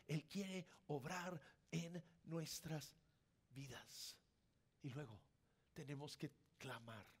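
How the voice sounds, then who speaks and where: A man preaching a sermon, swinging from a soft murmur to shouting. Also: high voice, husky.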